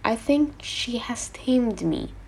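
A woman's voice: a little high, lively intonation, takes it slowly, creaky, a little mellow, husky, pitched above the performer's own voice, full character voice, rough recording. A woman voicing a polite, innocent little boy prince from a storybook, full of childlike questions. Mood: thoughtful. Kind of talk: storybook character voice.

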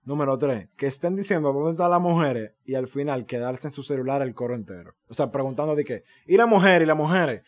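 A young man with a Dominican Spanish accent tells stories in a loose, slangy way on a casual podcast. His pitch jumps up and down as he gets worked up, and he swears freely. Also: fast, hardly any pauses. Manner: animated, slangy storytelling with swearing. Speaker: podcast co-host. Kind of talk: casual chat.

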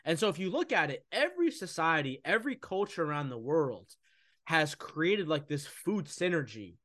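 A young man with a somewhat high voice, talking about food and nutrition in a loose, animated podcast style. He sounds close and dry, as if no room is around him, and he sometimes slips into a mocking voice. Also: moderate pace, no echo. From United States. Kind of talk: casual podcast conversation.

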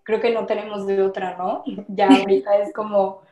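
A woman's voice: medium pitch, flat delivery, normal speed, dark tone, reverberant. A woman in her twenties with a Mexican accent, hosting a podcast in casual, slangy, joking chat. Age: 20s. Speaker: podcast host.

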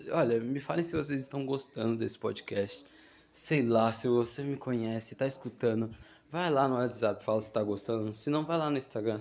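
A man's voice: mid-range voice, a little mellow. A young man hosting a casual solo podcast from home, rambling and losing his train of thought, with lots of fillers. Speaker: podcast host. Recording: dull lo-fi home recording.

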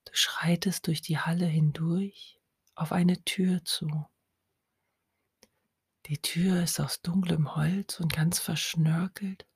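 A woman leads a guided hypnosis in a low, breathy whisper, close to the mic and a little mellow. She speaks very slowly and soothingly, drawing out her words. The recording is dry, with no room sound.

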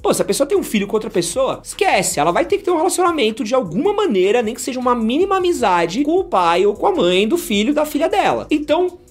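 A man's voice: very high-pitched, big pitch swings, quick pace, few pauses, soft background music. A young adult man with a Brazilian accent, a journalist and presenter giving blunt relationship advice in a vlog, slangy and swearing freely. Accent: Brazilian Portuguese.

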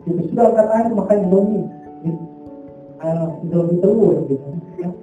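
Male preacher, casual testimony, high and dark-toned, heard from a distance in a booming hall. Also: moderate pace, dull audio, faint music behind. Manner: casual, repeats filler tags constantly. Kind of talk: sermon testimony. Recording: very echoey hall, far from mic.

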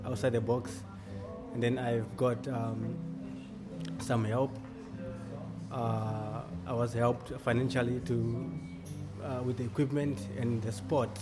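Earnest man, flat halting speech. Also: medium pitch. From Zimbabwe. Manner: halting, earnest, many restarts. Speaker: coffee shop owner. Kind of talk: interview answers. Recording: music playing clearly behind.

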